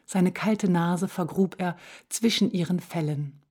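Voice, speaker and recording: A woman reads a children's storybook aloud in a low, calm voice. She takes her time, measured and even from line to line. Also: husky. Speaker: narrator. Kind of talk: storybook narration.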